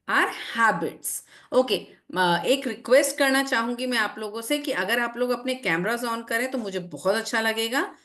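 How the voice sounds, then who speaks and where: Slow, lively woman teaching online. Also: on the high side. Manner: slow, explanatory, mixing Hindi and English, asks students questions. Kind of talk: online class lecture. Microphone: video call.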